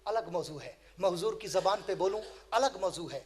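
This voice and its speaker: A man's voice: high voice, animated, a little fast. A man preacher delivering a sermon in rhythmic, repetitive oratory, firing rhetorical questions at the gathering and chanting recited verses. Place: public religious gathering.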